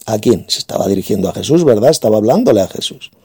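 A man's voice: fairly low pitch, lively intonation, quick pace, a little mellow, breathy edge. A man from in a heated religious debate, combative and insulting, hammering his points home with repetition.

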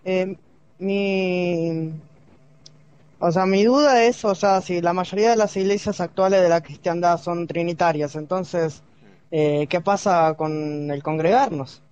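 A man's voice: sits high, darkish tone, smooth, highs cut off. A man asking a hesitant question in an online chat, sounding distant as if the phone is held away from his mouth. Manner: hesitant, halting with fillers. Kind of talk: casual questioning.

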